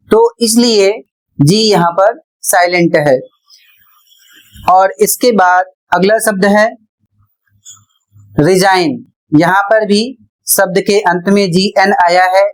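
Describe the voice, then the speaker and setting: A woman teacher with a medium-pitched voice explains English pronunciation rules in a classroom-style lesson. She spells words out letter by letter.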